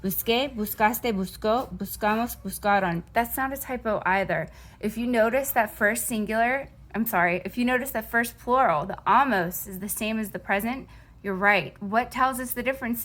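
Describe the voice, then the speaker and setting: In a recorded Spanish lesson, a woman with a mid-range voice explains things in English while mixing in Spanish phrases. She keeps checking in with a reassuring "okay?"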